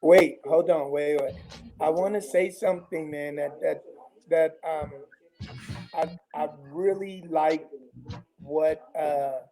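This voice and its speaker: A man chatting casually as a show guest, speaking haltingly and repeating words as he searches for the next one. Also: a little high, steady tone, mellow, soft background music, poor audio. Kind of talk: casual chat.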